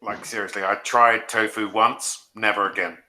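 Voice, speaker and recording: A woman's voice: very deep voice, fairly even intonation, moderate pace, sharp tone. A woman in casual chat with friends, blunt, sweary and teasing.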